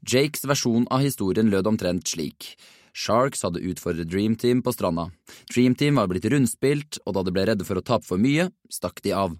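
A man narrating a children's storybook in an even, measured reading. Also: lowish voice, dry recording, studio quality. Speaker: audiobook narrator.

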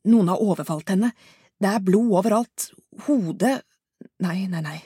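A woman's voice: fairly low pitch, creaky, a little mellow, breathy edge, no echo, studio quality, full character voice. A woman narrator voicing a panicked caller reporting an attack in an audiobook. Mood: frantic. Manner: frantic, sobbing pleas. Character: panicked caller at a crime scene.

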